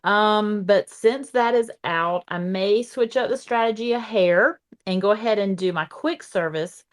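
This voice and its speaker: A woman with a thick Southern US accent chats casually as a panelist in a theme park draft game. Her voice is medium in pitch, and she speaks unhurriedly.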